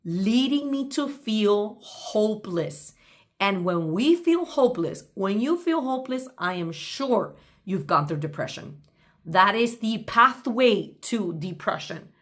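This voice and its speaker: This woman's voice sits at a middle pitch with a slightly bright quality, and her talk is motivational and rooted in faith. Her delivery is deliberate and emphatic, aimed straight at the listener like coaching drawn from her personal journal notes.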